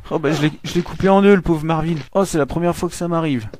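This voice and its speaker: A man giving casual, excitable play-by-play commentary on a live game stream, swearing and laughing often. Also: fairly high pitch, fast. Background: game music.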